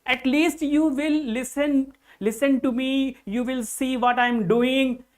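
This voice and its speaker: Slow-spoken Indian English teacher. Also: male voice, extremely high pitch, fairly even intonation. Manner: repeats key points, addresses students directly. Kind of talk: online exam-prep English lesson.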